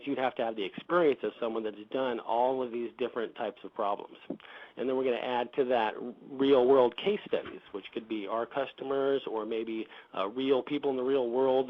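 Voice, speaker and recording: Hesitant man with dull lo-fi sound. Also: mid-range voice. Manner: hesitant, many fillers and restarts. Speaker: reputation management company founder. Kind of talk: interview answers. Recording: dull lo-fi audio.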